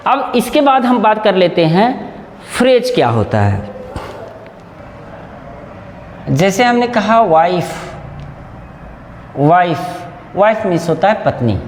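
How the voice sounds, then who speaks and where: A high-pitched man gives a slow, patient grammar lesson, repeating each sound and spelling words out bit by bit. He sounds a little nervous. His voice rings in a roomy space with a long, hanging reverb. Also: a little mellow. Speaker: English teacher. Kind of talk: casual Hindi-language grammar lesson. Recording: echoey room with long reverb.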